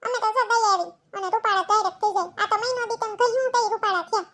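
A pack of shrill, bossy village women in a cartoon, with a Kathiawadi accent. The voice sits sky-high and bright, racing along as it nags and hollers. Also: female voice. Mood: gossipy. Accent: Kathiawadi Gujarati. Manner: shrill, quick, nagging and shouting. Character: loud bossy village women, middle-aged, scolding. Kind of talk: cartoon comedy voice acting.

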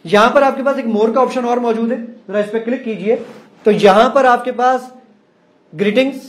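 A high-voiced man walks an audience through an app demonstration, explaining each step and turning to the room as he goes. His voice rings around an echoey hall. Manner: explanatory, addresses audience directly. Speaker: app founder giving a demonstration. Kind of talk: live presentation to an audience.

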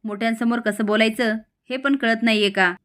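A woman voicing an angry, scheming middle-aged mother who scolds her son in a shrill, raised voice. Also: fairly even intonation, moderate pace, a bit bright, natural voice. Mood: angry, scolding.

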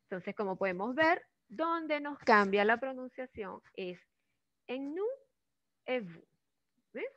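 A woman with a Venezuelan accent teaching a French grammar lesson in Spanish, drawing out the French words slowly and often checking in with her students. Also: fairly high pitch, animated, dry recording. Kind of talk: classroom lesson explaining grammar. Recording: dull, dry lo-fi recording.

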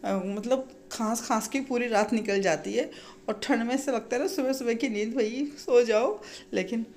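A woman in her thirties from India talks through her morning in a casual home vlog, recorded in her kitchen. She sounds a little strained from a sore throat. She rambles warmly and pads her sentences with small fillers. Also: on the high side, normal speed. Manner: chatty, frequent filler "ना". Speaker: vlogger and mother.

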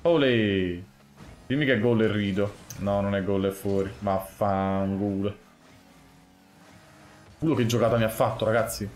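A young man commentating his own gameplay live, muttering one moment and yelling the next. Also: fairly low pitch, unhurried, pauses often, reverberant, faint music behind. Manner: excitable, swings from muttering to yelling. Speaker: gaming streamer.

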